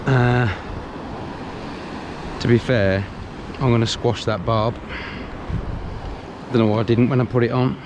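With a body-worn action camera recording him, an angler vlogger talks in a steady, mid-range voice, a little slow and pausing often, as he fishes from sea cliff rocks. His muttered, self-mocking chatter is aimed at himself and the camera, while wind and waves roar loudly in the background.

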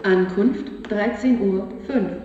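A woman giving a flat, formal automated platform announcement over a station loudspeaker, in pieced-together phrases. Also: mid-range voice, takes it slowly. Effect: public-address loudspeaker. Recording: muffled, echoey station loudspeaker from far off.

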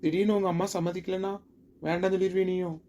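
A man's voice: sits high, little pitch movement, fast talker, mellow, a little hiss or hum. A man playing a young village lover who coaxes and pleads insistently with his crying partner in a family drama. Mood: pleading.

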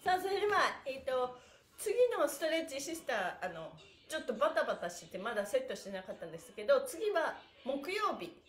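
A middle-aged woman runs a live-streamed stretching class, cheerful, encouraging and animated, with counted chants in a high, slightly fast voice. She's in a small indoor room with bare walls, recorded by a camera a few metres away, so the sound is echoey and distant.

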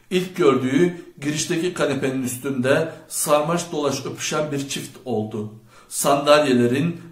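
A male audiobook narrator telling the story in a measured, even way. His pitch sits in the middle range. A noticeable roomy echo surrounds his voice. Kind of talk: scripted narration.

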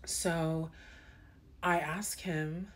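Slow, low-voiced woman telling a story. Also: slight background noise. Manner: animated, spiritual, many fillers. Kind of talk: casual personal storytelling.

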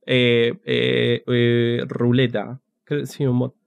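A man's voice: mid-range voice, monotone, extremely slow, creaky, clear, resonant tone, no echo. A man with a Rioplatense Spanish accent, commentating a game on a live stream in a chatty, joking way, talking to his chat. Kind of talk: casual livestream gameplay commentary.

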